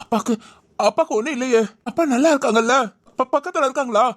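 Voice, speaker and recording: A woman's voice: high-pitched, quick pace, no room sound. A woman voicing a worried young man who stammers and asks anxious questions in an amateur audio drama.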